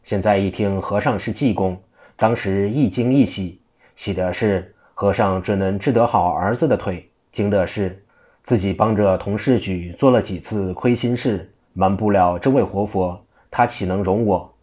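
A man narrating a traditional tale in a lively, vivid storytelling style, doing all the voices. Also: fairly low pitch, normal speed.

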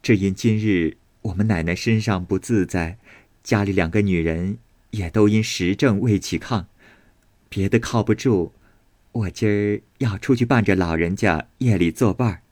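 A man voicing a sensible young lady who speaks in a measured, composed way. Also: lowish voice, a little mellow, no echo, natural voice. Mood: calm.

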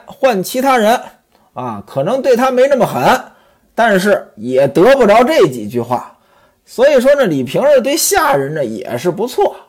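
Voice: mid-range voice, a little mellow. A storyteller retelling a classic novel in a conversational way, turning often to the listeners.

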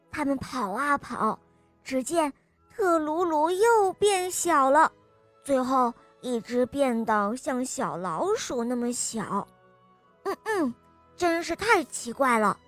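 A woman reading a bedtime-style children's story, gentle and expressive. Her voice is high and her pace is slow and deliberate. The sound is close and dry, with soft music faintly underneath. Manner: gentle, expressive, addresses kids directly.

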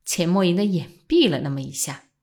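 A woman narrating a novel aloud in calm storytelling. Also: on the low side, a little fast. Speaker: audiobook narrator. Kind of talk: novel reading.

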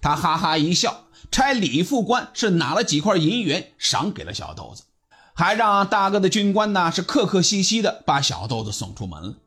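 A man telling a story in an animated, dramatic way and voicing all of its characters. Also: sits high, moderate pace, husky, faint music behind. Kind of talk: storytelling narration.

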